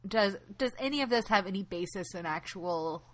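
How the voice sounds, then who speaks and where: A woman's voice: medium pitch, lively intonation, normal speed, no echo. A woman co-hosting a casual podcast, asking curious questions with a wry tone. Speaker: podcast co-host.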